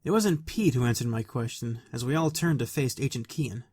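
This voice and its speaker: A man narrating a fan story aloud in a quiet, even, soft-spoken way. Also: mid-range voice, moderate pace, slightly rough.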